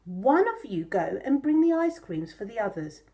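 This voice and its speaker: Storybook mother pig performed by a woman: fussy, emphatic, scolding, theatrical, very animated delivery. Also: a little high, moderate pace. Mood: bossy, urgent. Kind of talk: children's storytelling.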